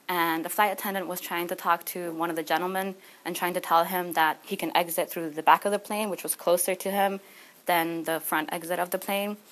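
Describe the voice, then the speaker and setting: Picked up by a camera a few meters off, a student in young adulthood presents informally in a small classroom, chatting and sharing anecdotes. She has a fairly low, slightly bright voice.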